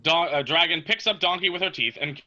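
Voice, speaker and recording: Script narrator, male: crisp-edged forceful tone, slightly raised pitch, reads stage directions, lo-fi sound. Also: brisk.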